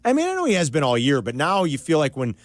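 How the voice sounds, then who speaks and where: A man hosting sports talk radio, excitable and animated as he breaks down a game. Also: fairly high pitch, fast talker, no echo.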